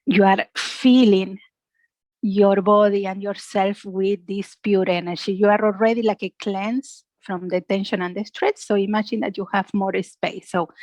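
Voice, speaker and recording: In a clip with no room sound, a woman with a mid-range voice works as a yoga and relaxation instructor. Her dry-sounding class uses breathing and imagery, and she guides it gently and instructively, often adding "yeah?" as a question.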